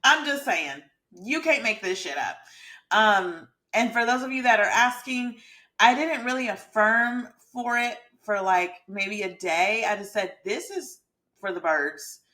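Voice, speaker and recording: A woman's voice: fairly high pitch, unhurried, sharp tone. A woman in her thirties with a Georgia Southern accent, talking casually and directly to viewers as a mindset mentor explaining ideas in a vlog. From Georgia, USA. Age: 30s. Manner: informal, conversational, addresses viewers directly. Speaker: mindset mentor and YouTube host.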